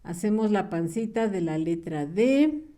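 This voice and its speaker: A woman teaching young children to read and write, patient and clear, drawing out her words in a sing-song way. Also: medium pitch, animated, measured pace, dark tone. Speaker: primary school teacher. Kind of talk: slow, clear early-reading lesson for small children.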